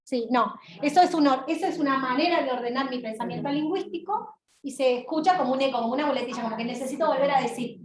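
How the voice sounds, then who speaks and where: A woman lecturer with an Argentine accent, giving an animated university talk and asking her audience questions, recorded in a large lecture hall. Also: high-pitched, fast, hardly any pauses, crowd noise. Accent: Argentine Spanish. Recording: roomy hall sound, mic at a distance.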